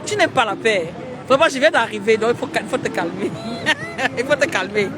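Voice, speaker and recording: A man's voice: extremely high pitch, lively intonation, normal speed. A man, live-streaming from a busy city square and greeting viewers by name in a chatty, teasing way. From Cameroon. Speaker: livestream host. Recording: street crowd and music behind.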